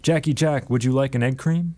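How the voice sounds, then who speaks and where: A man's voice: medium pitch, a little fast, dark tone, natural voice. A man voicing an eccentric old rebbe who speaks in a wry, lordly, instructive way.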